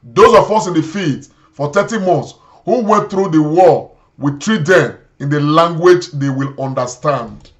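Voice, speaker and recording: Man, Nigerian accent, show host, indignant commentary, repetitive, high-ish pitch. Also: a little slow. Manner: indignant, repetitive, mixes in Pidgin. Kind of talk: impassioned political commentary.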